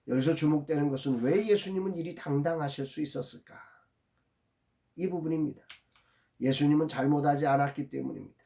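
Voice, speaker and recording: Mellow-voiced male pastor meditating. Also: on the high side. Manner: calm, reflective, reads scripture aloud then explains. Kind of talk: devotional Bible meditation.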